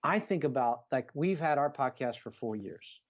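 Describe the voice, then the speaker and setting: A middle-aged man, a coach appearing as a podcast guest, talks in a mid-range voice with lively intonation at a moderate pace over lo-fi audio. His style is earnest, emphatic and conversational, full of motivational repetition and rhetorical questions.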